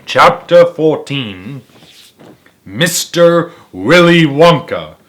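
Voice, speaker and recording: A man reads a children's novel aloud as a storyteller, expressive and emphatic, sometimes halting and repeating a phrase. His voice is a little high.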